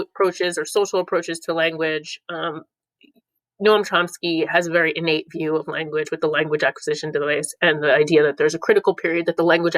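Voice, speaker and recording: A woman's voice: fairly low pitch, a bit bright, dry recording, poor audio. A woman teaching a review lesson, playful, breaking into silly voices for the clues between explanations. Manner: playful, reads clue lines in put-on voices.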